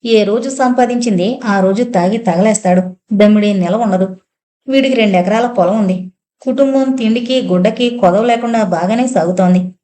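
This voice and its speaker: A woman voicing a calm, kindly country lawyer who tells a story in an unhurried way. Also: medium pitch, lightly acted.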